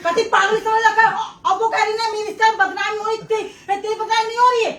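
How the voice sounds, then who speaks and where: A woman with a very high voice scolds and teases her brother. She sounds a little away from the mic, and the room echoes. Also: level tone, fast talker, fairly bright tone, far from the mic. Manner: scolding, teasing. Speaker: sister. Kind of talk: emotional vlog argument. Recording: roomy, from off-mic.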